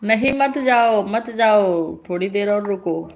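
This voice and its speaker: A woman's voice: medium pitch, expressive, takes it slowly, a little mellow. Playful woman hosting a live stream. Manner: playful teasing, frequent laughter. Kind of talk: casual live-stream chat reading comments.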